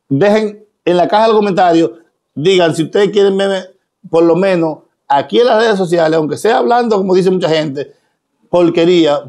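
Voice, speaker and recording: Speaking with a Dominican accent, this man addresses his followers straight to camera in a preachy, emphatic monologue full of rhetorical questions. He's a social media personality with a high-pitched, slightly mellow voice.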